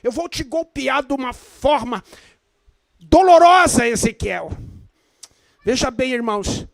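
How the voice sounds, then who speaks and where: High-voiced fervent Brazilian preacher. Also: male voice, expressive, gravelly, dry recording. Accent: Brazilian Portuguese. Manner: swings between fervent shouts and hushed low tones; drawn-out stressed words. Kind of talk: evangelical sermon.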